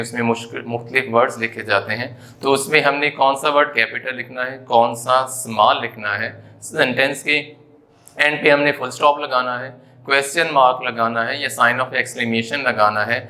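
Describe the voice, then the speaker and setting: Bright-voiced man teaching grammar. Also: mid-range voice. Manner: explanatory, mixes English terms into Urdu; repeats points with frequent "जी" and "तो". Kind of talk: classroom grammar lecture.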